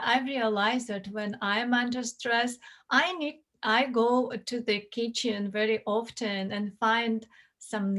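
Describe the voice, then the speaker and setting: Slow-speaking woman with a Russian accent. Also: fairly high pitch, a bit bright. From former USSR. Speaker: interview guest, finance mentor. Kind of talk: conversational interview.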